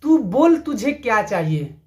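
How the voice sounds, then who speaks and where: A headstrong young son who has come into money, insisting in a spoken moral story, a man speaking his lines. He talks slowly and stubbornly. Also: very high-pitched, big pitch swings, muffled recording, full character voice.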